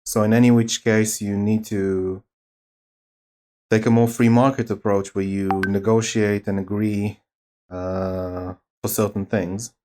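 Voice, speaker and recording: A man with a fairly low voice lays out an argument in an informal debate. His delivery is deliberate and halting, pausing as he builds each step of his explanation. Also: flat delivery, dark tone.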